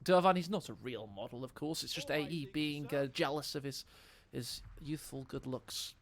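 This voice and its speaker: An esports caster covers a live strategy game match on stream, joking and chatting directly to his viewers in a playful way. His voice is medium-pitched with vocal fry, at a normal speed.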